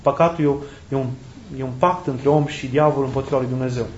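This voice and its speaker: A man's voice: medium pitch, fairly even intonation, a little mellow, a little hiss or hum. A man, a priest, preaching an earnest sermon, repeating key phrases for emphasis. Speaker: Orthodox priest. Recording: roomy, dull lo-fi recording.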